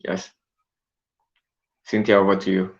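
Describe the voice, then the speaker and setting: Guy talking over a video call, lowish voice, muffled lo-fi sound, kinda halting. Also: completely flat delivery. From Kenya. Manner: halting, repeats himself. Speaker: guest, charity founder.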